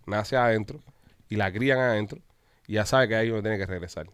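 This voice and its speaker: A man hosting a podcast in casual group chat, telling stories in an animated, profane way. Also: lowish voice, brisk, clean tone, dry recording, clean studio sound. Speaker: podcast host.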